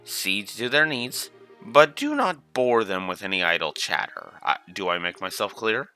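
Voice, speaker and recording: A man voicing a scheming, high-ranking castle lady in a video game, formal and smoothly condescending. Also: sing-song, normal speed, bright, forceful tone, faint music behind. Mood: polite command. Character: polite, scheming, haughty woman of rank in a castle.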